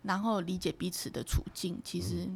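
Gravelly-voiced woman speaking earnestly. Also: on the low side, steady tone, moderate pace, darkish tone. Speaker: podcast guest. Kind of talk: casual chat.

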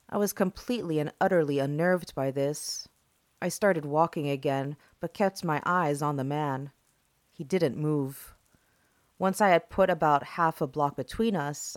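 A woman's voice: deep voice, a little mellow, no room sound. A woman narrating scripted scary stories as a horror host, in a theatrical, ominous storytelling manner.

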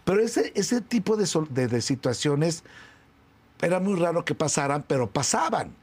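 A man's voice: sing-song, moderate pace, slightly rough. A middle-aged man with a Mexican accent, an interview guest who tells an anecdote and acts out the remembered dialogue himself. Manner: acts out both sides of remembered dialogue with big pitch swings. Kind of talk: storytelling in an interview.

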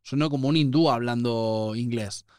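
A man's voice: medium pitch, normal speed, clear, resonant tone, no room sound, studio quality. A man, a podcast guest chatting casually and acting out the voices in his stories. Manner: animated storyteller, acts out quoted voices.

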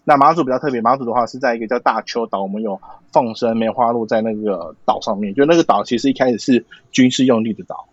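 A man from Matsu with a Taiwanese Mandarin accent, explaining things casually in a halting way with repeated words. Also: mid-range voice, no room sound. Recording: dull lo-fi sound, dry.

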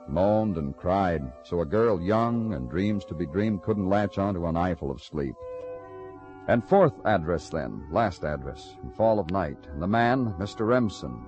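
A tired, hard-boiled city detective who narrates in clipped, world-weary lines. His voice sits fairly low. Faint music runs under a 1950s radio drama. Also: darkish tone, dull audio.

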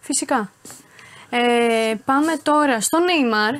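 A woman co-hosting a sports talk show, presenting news items in casual banter, chatty and quick to laugh along. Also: a little high, fairly bright tone. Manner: chatty, laughs easily, plays along with teasing.

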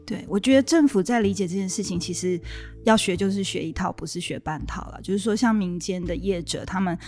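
A woman's voice: mid-range voice, a little fast, darkish tone, faint music behind. A woman from Taiwan, a guest lawyer explaining things in a matter-of-fact way in a casual podcast chat.

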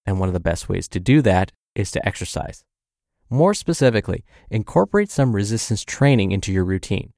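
Upbeat male advice host, lowish dry voice. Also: very animated, fairly quick, gravelly, darkish tone, no echo. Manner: instructive, addresses listener directly. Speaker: health show host. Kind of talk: scripted advice podcast narration.

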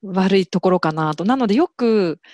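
Woman host, mid pitch, agreeable interviewer who follows up, dry close sound. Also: lively intonation, normal speed, a little mellow, dry recording. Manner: attentive, agreeable, frequent backchannels. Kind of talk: conversational interview.

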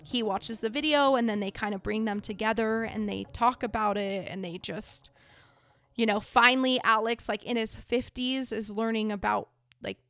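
Creaky-voiced woman podcaster with soft R's. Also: fairly high pitch, normal speed, dry recording. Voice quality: trouble pronouncing R's, says them like W's. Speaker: podcast host. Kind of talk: casual podcast talk.

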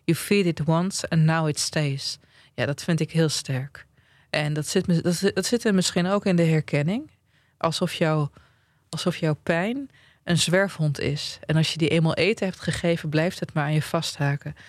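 A man's voice: a little high, moderate pace, dry recording, clean studio sound. A man co-hosting a podcast in casual chat, outspoken and playful, sometimes reading lyrics aloud. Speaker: podcast co-host.

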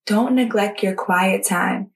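A woman's voice: medium pitch, takes it slowly, creaky. A woman hosting a devotional podcast, talking earnestly and personally straight to her listeners. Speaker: podcast host. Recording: voice somewhat distant from the mic.

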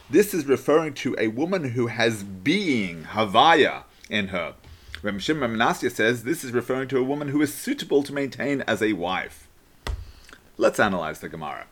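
A man's voice: mid-range voice, a bit bright. A man who is a rabbi, teaching a daily Talmud lesson in an explaining, storytelling manner.

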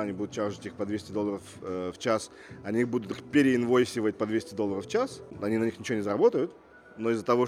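A man raised in Russia speaks as a guest entrepreneur in a casual interview, assertive and fond of rhetorical questions. His voice is fairly low and slightly mellow, with a little background noise.

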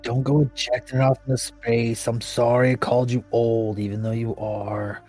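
A man's voice: mid-range voice, level tone, moderate pace, mellow, breathy edge, faint music behind, close to an everyday voice. A man playing a casual, teasing grandson in a tabletop role-playing game.

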